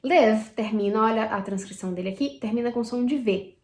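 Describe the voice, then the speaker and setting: A woman from Brazil teaching English pronunciation, demonstrating sounds slowly and repeating them while checking in with her students. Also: fairly high pitch, darkish tone. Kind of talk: pronunciation lesson. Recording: echoey room.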